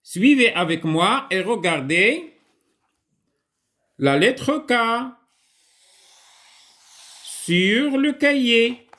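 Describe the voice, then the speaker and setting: A man with a Moroccan accent teaching a writing lesson to young children, slowly repeating words for them to echo. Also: high-pitched, big pitch swings, pushed and bright.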